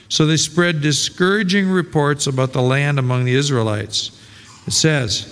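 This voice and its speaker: A man's voice: a little high, fairly bright tone. A male pastor preaching a sermon in a conversational way, full of rhetorical questions and restarts. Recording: long hall reverb.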